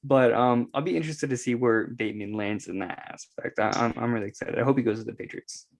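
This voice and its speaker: A man's voice: mid-range voice, steady tone, fast talker, vocal fry. A man co-hosting a podcast, asking questions in a chatty, easygoing way. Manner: chatty, laughs between questions. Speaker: podcast co-host. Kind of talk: casual podcast chat.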